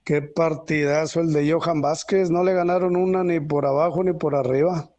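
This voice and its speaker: A man's voice: fairly high pitch, steady tone, moderate pace, warm tone. A man sending a voice message to a radio show, enthusiastically praising a team. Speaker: listener in a voice message. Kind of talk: sent voice message about football.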